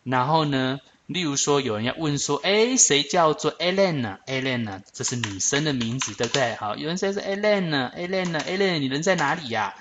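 A man teaching a French grammar lesson, explaining patiently and checking in with his students as he slows down to spell out each form. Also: mid-range voice, lively intonation, background noise. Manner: patient, explanatory, addresses students directly with frequent check-ins.

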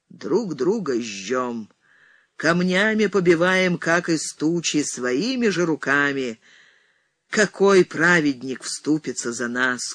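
A woman's voice: sits low, a bit bright, no echo, exaggerated voice. A woman reading the part of an elderly nun, sonorous and solemn, crying out warnings like a prophet. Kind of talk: audiobook reading.

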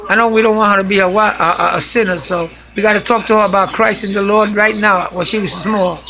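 Older grandpa at home blessing the baby, kinda high, rough and creaky, music on. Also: male voice, steady tone, moderate pace, sharp tone. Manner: preachy, mixes Spanish and English. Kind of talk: casual home video talk.

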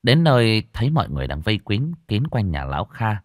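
A man's voice: fairly low pitch, very animated, quick pace, no echo, clean studio sound. A man narrating a ghost story in a vivid, dramatic way.

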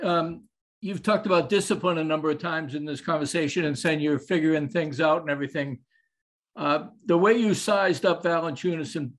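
A male sports reporter puts a long, winding question to a player. His voice sits on the higher side, and he builds the question clause by clause with careful detail. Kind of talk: press conference question.

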